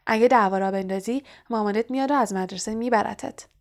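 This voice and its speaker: A woman's voice: medium pitch, close to an everyday voice. A woman voicing an arrogant, sneering schoolboy bully who taunts and mocks in a storybook reading. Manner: mocking, taunting.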